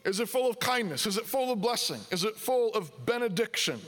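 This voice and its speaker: A pastor with a high-sitting, fairly bright voice and lively intonation preaches a sermon conversationally at a slightly fast pace. He puts questions to the congregation and voices their objections himself.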